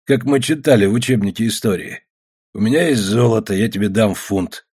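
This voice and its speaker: A man's voice: lowish voice, a little mellow, slightly rough. A man putting on a sneering menacing anarchist. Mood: scheming. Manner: sneering, drawn-out threats. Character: menacing male anarchist, big, mocking.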